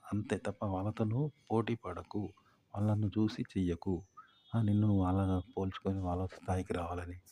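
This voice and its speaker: A fast-talking man explains his point like a patient teacher, returning to rhetorical questions and folksy everyday examples. His voice sits a little low, and faint hiss runs under it. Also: dark tone. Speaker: YouTube advice teacher. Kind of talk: informal tutorial talk.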